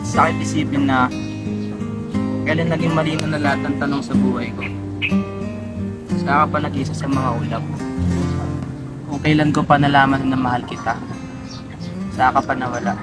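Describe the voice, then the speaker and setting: A man's voice: medium pitch, fairly even intonation, normal speed, pauses often, close to an everyday voice. A young man playing a protective older brother and grieving lover in a short drama film, speaking earnestly and with strong emotion. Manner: earnest, emotional, polite to elders. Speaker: lead actor in a short film. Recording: music score behind the voice.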